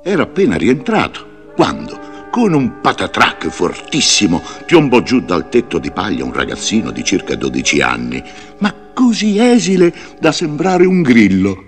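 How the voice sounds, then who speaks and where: Merlino, a deep-voiced old wizard. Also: male voice, normal speed, soft background music. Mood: kindly. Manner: lively, theatrical storytelling. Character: old male wizard, wise and patient. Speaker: storybook narrator in character. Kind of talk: read-along storybook narration.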